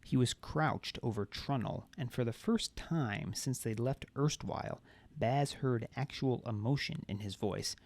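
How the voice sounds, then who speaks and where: A man reading his own fantasy novel aloud in a measured way. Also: medium pitch, darkish tone. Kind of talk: audiobook narration.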